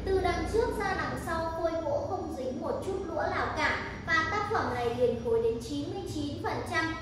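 A young woman showing off a wood carving in an eager, persuasive sales pitch, filmed on a handheld phone. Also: big-room sound, noisy background. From northern Vietnam. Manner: eager, persuasive, addresses viewers directly. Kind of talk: product showcase sales pitch. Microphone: handheld phone camera.

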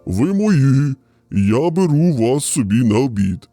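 A man's voice: medium pitch, sing-song, warm tone, no echo, faint music behind. A man growling as a furious hungry bear. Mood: bossy. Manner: roaring, drawn-out growling delivery. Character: huge hungry furious male bear, bullying. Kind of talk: storybook character voice.

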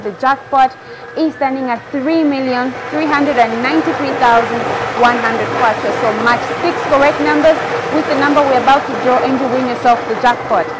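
A young woman with a Zambian accent presenting a live lottery draw as host, announcing and repeating numbers deliberately. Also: a little high. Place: large TV studio, indoors. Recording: clearly noisy studio ambience.

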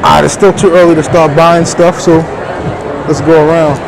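Walking through a large, crowded convention hall, a vlog host talks through his face mask in casual slang. His voice is on the high side with vocal fry and little pitch movement, at a moderate pace. The audio is noisy, with crowd chatter and hall noise throughout.

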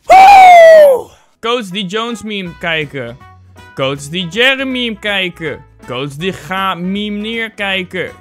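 A man doing casual joking commentary as a YouTuber, playful and self-mocking, swearing and tossing in English phrases, sometimes breaking into loud shouts. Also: high-pitched, lively intonation, takes it slowly, over loud music. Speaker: YouTuber reacting to fan posts.

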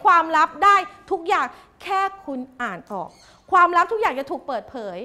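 A woman teaching a class of young pupils, coaxing answers out of them with quick, repeated questions. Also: very high-pitched, sing-song, sharp tone. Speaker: primary school teacher.

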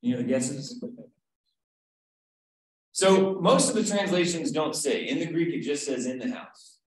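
A man's voice: fairly high pitch, animated, measured pace. Man, Bible study teacher, conversational, quizzes group, video call, very echoey room. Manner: conversational, asks the group questions, frequent "right?".

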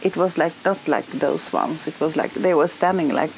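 A middle-aged woman from Sweden with a Swedish accent, chatting casually in English while cooking and eating in a small boat cabin, relaxed and laughing easily. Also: low-pitched, normal speed, slight background noise. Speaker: sailing vlogger.

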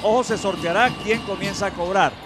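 A man working as color commentator, calmly breaking down each penalty in detail. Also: high voice, fairly quick. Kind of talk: football analysis commentary. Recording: broadcast with crowd and music behind.

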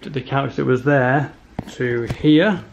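Holding the camera at arm's length, a thirty-something man rambles casually and matter-of-factly to it while touring the rooms of his house indoors. He speaks slowly at medium pitch, and the handheld recording sounds lo-fi with clear background noise.

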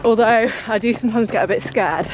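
A woman's voice: a little high, a little fast, lo-fi sound. A young British woman chatting casually to her vlog while jogging outdoors, talking through the exertion. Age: young adult. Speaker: running vlogger. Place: outdoors on paths and streets. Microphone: camera held at arm's length. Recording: noisy outdoor handheld camera.

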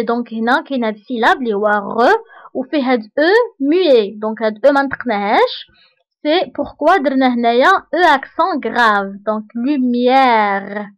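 A woman with a Moroccan accent teaching a lesson, patiently repeating each example word and checking that learners follow. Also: sits high. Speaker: French teacher. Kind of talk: online lesson explanation.

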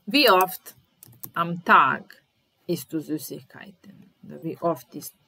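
Slow, low-voiced woman teaching German. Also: vocal fry, bright, forceful tone. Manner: repeats German sentences then translates, patient. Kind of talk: slow language lesson.

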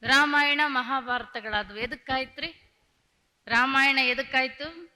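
A woman's voice: sits high, slow, sharp tone, long reverb tail. A woman preacher giving a religious discourse, repeating lines in rhythm and telling stories. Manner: tells stories, acting out quoted voices. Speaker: spiritual preacher.

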